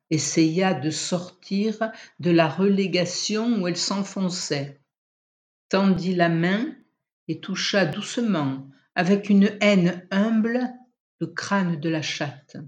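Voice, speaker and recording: An audiobook reader narrating a literary novel in a measured, unhurried storytelling manner. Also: medium pitch.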